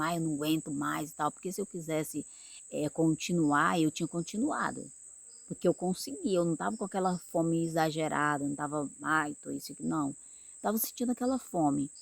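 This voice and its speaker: A woman from Brazil delivers an informal sermon, talking as if to friends and checking that they follow. Her voice sits low with a gravelly fry. The sound is dry, with no room around it. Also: dry recording. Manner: conversational, repeats words, asks "sabe?". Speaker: preacher.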